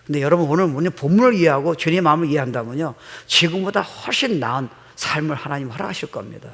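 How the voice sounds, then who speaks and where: A man's voice: fairly high pitch, quick pace, gravelly, fairly bright tone, breathy edge. A middle-aged male pastor preaching a sermon, telling stories animatedly and mixing in English words. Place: church sanctuary. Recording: long hall reverb.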